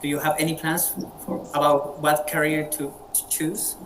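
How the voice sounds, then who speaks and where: This meeting moderator, a friendly Colombian man, runs an informal online English practice chat, stumbling and repeating words often in his Spanish accent. The voice is a bit high and bright, with little pitch movement. The low-quality video-call audio carries some hiss or hum.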